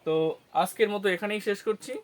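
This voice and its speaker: A man's voice: high-pitched, steady tone. A man teaching an English grammar lesson, asking questions and answering them himself, spelling words out syllable by syllable. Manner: slow, syllable-by-syllable explanations with self-answered questions.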